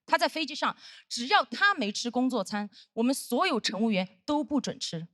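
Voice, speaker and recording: A woman's voice: fairly high pitch, sing-song, normal speed, fairly bright tone. A young adult woman performing a stand-up comedy routine on stage, telling a punchy story full of quoted dialogue. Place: stage with live audience.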